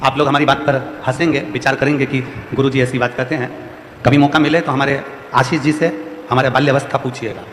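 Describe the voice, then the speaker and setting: A man's voice: medium pitch, little pitch movement, fast, fairly bright tone, a little hiss or hum. A man with a central Indian Hindi accent giving a devotional sermon, repeating phrases in a rhythmic, exhorting way. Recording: echoey hall with faint music.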